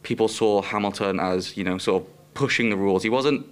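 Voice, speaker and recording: Deep-voiced Welsh man, smooth tone. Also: brisk. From Wales. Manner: explanatory, laid-back. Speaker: podcast co-host. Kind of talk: casual podcast chat.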